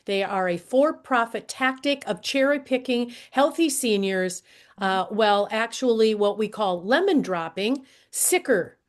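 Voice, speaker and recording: A woman in her sixties giving an earnest presentation talk, hoarse and losing her voice, and often clearing her throat. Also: a little high, expressive, a little slow. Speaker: guest speaker, healthcare advocate.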